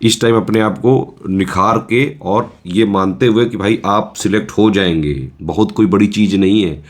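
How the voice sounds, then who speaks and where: A man's voice: fairly low pitch, unhurried. A man coaching exam students in a casual, reassuring lecture, often checking in with his listeners.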